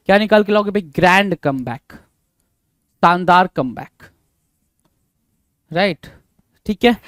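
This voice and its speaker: High-voiced man teaching English idioms. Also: clean tone, no room sound, studio quality. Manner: explains in Hindi, repeats English idioms slowly and deliberately; asks the class rhetorical questions, calling them "bhai". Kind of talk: exam-prep vocabulary lesson.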